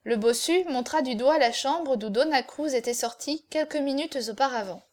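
High-voiced woman reading a novel. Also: moderate pace. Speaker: narrator.

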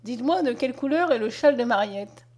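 Woman voicing a fatherly old doctor, calm, gently firm, storybook reading, fairly high voice. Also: fast.

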